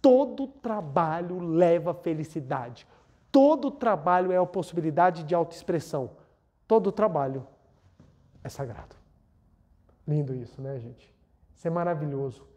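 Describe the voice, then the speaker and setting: A man's voice: a little high, lively intonation, moderate pace, long pauses, dark tone. A man with a Brazilian Portuguese accent giving an earnest spiritual lecture, repeating words for emphasis and leading a meditation. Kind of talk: spiritual talk and guided meditation.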